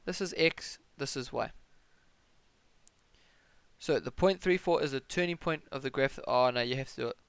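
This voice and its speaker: A young maths tutor from New Zealand streams live, casually talking through an exam paper step by step, thinking aloud and fielding questions from chat. His mid-range voice has a gravelly edge but stays smooth and clear; he speaks at normal speed and pauses often. There's no room echo in the dry sound.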